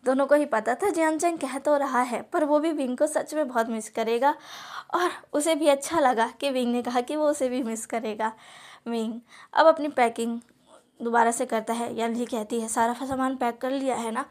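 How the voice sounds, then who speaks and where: Woman, storyteller, reading fan fiction aloud, high voice. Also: moderate pace, darkish tone.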